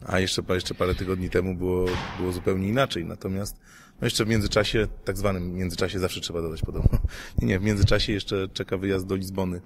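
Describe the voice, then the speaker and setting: A man appearing as a sports journalist guest, talking in a lively, wry way with small jokes. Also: low-pitched, quick pace, a little hiss or hum. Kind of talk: casual sports podcast discussion.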